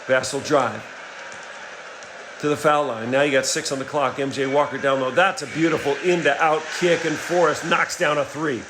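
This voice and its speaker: A middle-aged man calling a basketball game play by play, energetic and rising in excitement on big plays. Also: fairly high pitch, normal speed, background noise. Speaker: play-by-play commentator. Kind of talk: play-by-play sports commentary. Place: home setup, voice-over for a replayed game.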